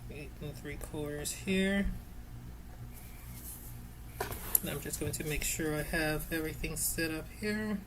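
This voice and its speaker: A woman's voice: low-pitched, takes it slowly, pauses often, background noise. A woman casually teaching an easy sewing project at home, chatty and rambling, with many fillers and self-corrections.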